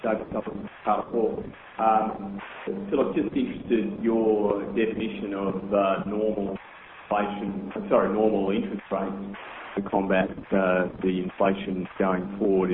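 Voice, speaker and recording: Male audience questioner, hesitant, monotone, echoey and noisy phone-like audio. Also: lowish voice, normal speed. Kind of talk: spontaneous question from the floor. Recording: roomy, noisy, thin phone-like sound.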